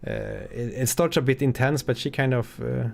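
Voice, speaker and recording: A man, a game developer, giving relaxed, halting commentary on his own game with an amused tone. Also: medium pitch, vocal fry.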